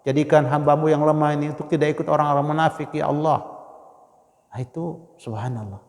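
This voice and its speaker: A man preaching a dawn Ramadan sermon, swinging from loud exclamations to hushed prayers and chanting verses slowly. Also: on the high side, fairly even intonation, long reverb tail. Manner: emotional, swings between loud exclamations and near-whispered prayers; chants Quranic verses slowly in melodic recitation. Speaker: Islamic scholar.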